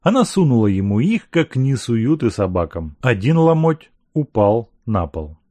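A man reading a classic novel aloud as an audiobook narrator, with expressive storytelling. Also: medium pitch, a little slow, no room sound. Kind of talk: scripted narration.

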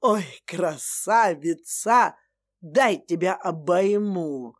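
A woman voicing a loud, domineering mother-in-law in her forties who shouts crude threats and keeps sneezing. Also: lowish voice, expressive, very slow, pitched below the performer's own voice, heavily acted. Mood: mock-sweet, threatening.

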